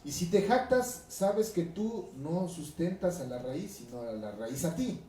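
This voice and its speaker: Male Ecuadorian pastor, highland accent, conversational sermon, somewhat high voice, recorded off-mic in a reverberant hall. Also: expressive, measured pace, dark tone, slight background noise. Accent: Ecuadorian highland Spanish. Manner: conversational preaching, reading scripture aloud, frequent tag questions. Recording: echoey room from a distance, music behind.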